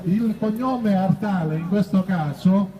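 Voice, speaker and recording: A man's voice: high-pitched, unhurried, slight background noise. A man casually explaining something to the people around him. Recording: dull sound with crowd chatter. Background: people chattering.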